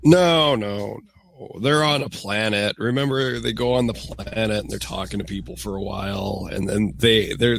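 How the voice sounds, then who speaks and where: Husky man with a rattly, congested chest. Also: on the low side. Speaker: podcast co-host. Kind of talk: casual podcast chat.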